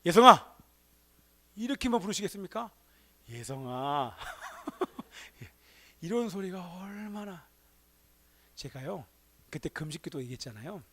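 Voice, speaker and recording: A male pastor with a high-pitched voice preaches a Sunday sermon in a church sanctuary. He keeps asking the congregation rhetorical questions. His delivery swings from emphatic, raised exclamations to soft, hushed asides. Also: measured pace, long pauses, breathy edge.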